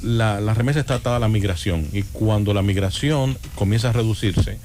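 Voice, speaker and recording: A man's voice: fairly low pitch, brisk, noisy background. A man from the Republic, a radio interview guest who explains his points through examples. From Dominican Republic. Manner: explanatory, builds arguments with examples. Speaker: guest analyst.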